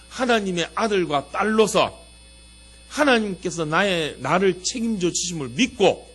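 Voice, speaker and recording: A middle-aged man giving a sermon as a pastor, preaching in a lively way and acting out a child's pleas and God's warm answers. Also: fairly high pitch, slightly rough.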